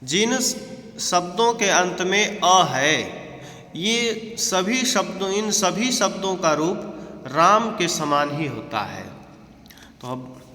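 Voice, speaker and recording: Slow, bright-voiced Hindi-accented teacher. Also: male voice, sits high, expressive. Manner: recites word forms slowly and deliberately. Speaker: Sanskrit teacher. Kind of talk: slow recitation lesson for students. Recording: echoey room with long reverb.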